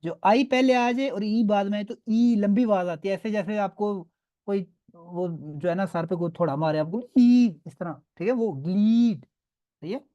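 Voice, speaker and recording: A man's voice: sits high, moderate pace, dark tone, lo-fi sound. A man teaching a beginners' online class, patiently drilling sounds and often checking that students follow. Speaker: language teacher.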